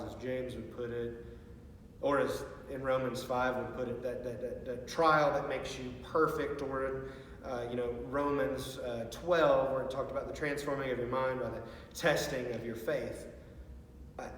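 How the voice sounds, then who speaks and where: A man's voice: medium pitch, a bit bright. Man in a very echoey empty hall. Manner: earnest, halting, with repeated words. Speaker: youth pastor. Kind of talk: informal video message to parents. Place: large empty student ministry room with stage. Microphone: far from the speaker. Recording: very echoey hall, distant mic, faint noise.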